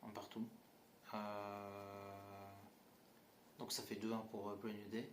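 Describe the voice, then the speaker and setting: With a lowish voice and a completely flat delivery, a man reviews a movie slowly and casually. He's blunt, with mocking asides, lots of fillers and restarts, and the audio carries a roomy echo and faint noise behind him.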